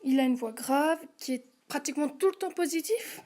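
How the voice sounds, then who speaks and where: High-voiced woman listing roles. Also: normal speed, dark tone, faint music behind. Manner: hesitant, with fillers and trailing asides. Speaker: channel host casting voice actors. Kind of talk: casual casting call, listing roles.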